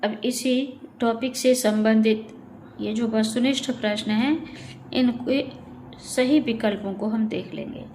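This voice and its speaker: A woman's voice: fairly high pitch, measured pace, a little mellow, slight background noise. Methodical woman teaching Hindi grammar. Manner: methodical, reads each sentence then corrects it. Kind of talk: online exam-prep lesson.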